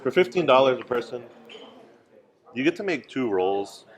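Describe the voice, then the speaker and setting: A man's voice: medium pitch, expressive, normal speed. A man hosting a casual travel vlog, joking and laughing often as he chats. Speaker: vlog host. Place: cruise ship cooking class and bar. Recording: busy crowd chatter behind.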